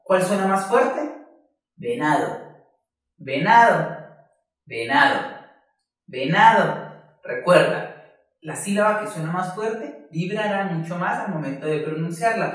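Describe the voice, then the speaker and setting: A primary school teacher giving a virtual class to young children, patient and slow, stretching out each word syllable by syllable. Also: mid-range voice. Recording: very echoey room, voice far from mic.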